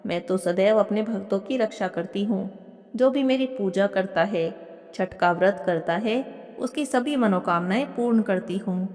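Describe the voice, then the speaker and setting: A woman voicing a gentle but commanding motherly goddess who speaks slowly and solemnly, for a devotional storybook. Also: medium pitch, lightly acted. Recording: long hall reverb.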